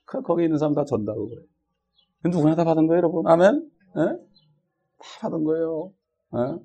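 A man delivering a sermon in a loose, conversational way. His voice is husky. He keeps turning to the congregation with short questions as he preaches. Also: a little high, animated, fast talker, dark tone, dull audio. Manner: conversational preaching with frequent "어?" and "예?" checks. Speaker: pastor.

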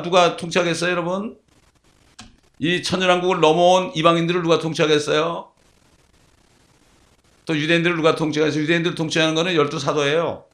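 A male pastor preaches with a gravelly edge in his voice. He tells stories and keeps asking the congregation rhetorical questions as he goes. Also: fairly high pitch, fairly bright tone. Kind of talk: sermon.

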